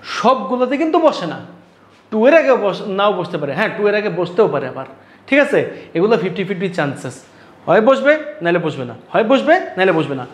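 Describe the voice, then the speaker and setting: A man's voice: high voice, very animated, brisk, roomy sound. A male English grammar teacher from Bangladesh, teaching a class in casual speech and teasing and scolding his students.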